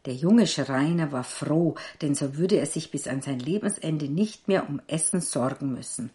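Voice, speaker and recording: A woman narrating a fairy tale in a slow, measured storytelling manner. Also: low-pitched, dark tone.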